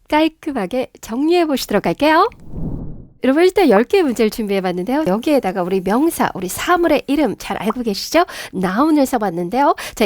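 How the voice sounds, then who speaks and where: A woman teaching a grammar lesson, her higher voice swinging widely as she asks questions and then answers them herself. She slows down for each English example. The recording is close and dry, with no room sound. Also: a little mellow, dry recording. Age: middle-aged. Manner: addresses viewers often, asks and answers own questions.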